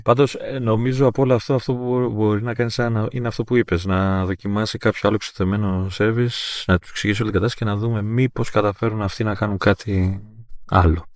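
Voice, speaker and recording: A man co-hosting a casual podcast, relaxed, asking questions and quick to laugh. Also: fairly low pitch, no echo, studio quality. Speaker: podcast co-host. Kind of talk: casual chat.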